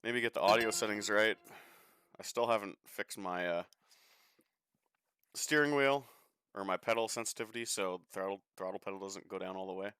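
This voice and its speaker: A man's voice: on the low side, moderate pace, pauses often, a bit bright, clear, resonant tone, no room sound. A young man casually talking through a sim racing live stream, chatty and swearing freely with an offhand joking manner.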